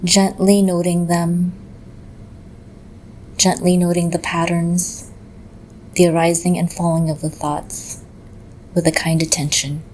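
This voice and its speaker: This meditation is guided by a woman whose fairly low voice comes across flat, gentle and measured as she proceeds very slowly with long gaps between phrases. The recording is low quality, and background noise is clearly audible.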